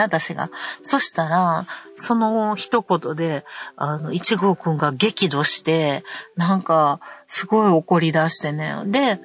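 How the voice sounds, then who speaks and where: Low-voiced Kansai woman telling a story. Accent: Kansai Japanese. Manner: animated storytelling, acting out quarrels. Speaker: podcast host. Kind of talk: casual podcast monologue.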